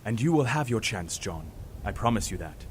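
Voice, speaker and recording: A man plays a commanding, high-minded professor in a superhero audio drama. He speaks in a lowish, formal, grandiloquent voice over a faint rumble. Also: sing-song, normal speed. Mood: challenging.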